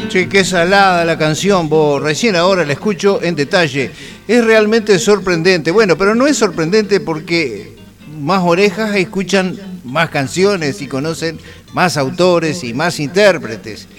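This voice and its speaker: A man's voice: fairly high pitch, a little slow, soft background music. A middle-aged man with a Uruguayan accent, hosting a radio show in a rambling, anecdotal, conversational way. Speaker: radio host. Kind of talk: casual radio chat.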